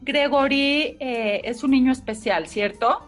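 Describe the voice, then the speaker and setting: A woman hosting an interview, gently prompting her guest and politely interrupting to ask questions. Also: sits high, unhurried, faint music behind. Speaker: host.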